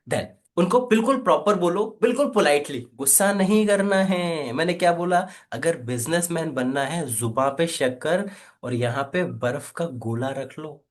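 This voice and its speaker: ऊर्जावान, ऊँची आवाज़ वाला हिंदी ट्रेनर पुरुष. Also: male voice, on the high side. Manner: energetic, coaxing, repeats "right?" and "quickly". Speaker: affiliate marketing trainer. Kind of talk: live online training session.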